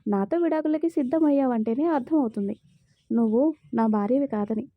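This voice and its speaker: A woman voicing a brooding young husband who speaks with sharp sarcasm, in a dry, slightly dull audio story recording. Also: fairly high pitch, fairly quick, no room sound, natural voice. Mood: sarcastic.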